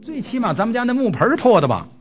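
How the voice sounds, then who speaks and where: A man's voice: big pitch swings, racing, mellow. A man voicing a greedy, scolding old fisherman's wife while retelling a fairy tale in a sermon. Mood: angry scolding. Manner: scolding, indignant rising pitch.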